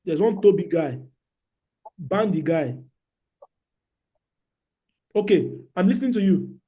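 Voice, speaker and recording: High-voiced Nigerian man, animated and joking. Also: slow pace. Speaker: trading webinar host. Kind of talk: online class chat.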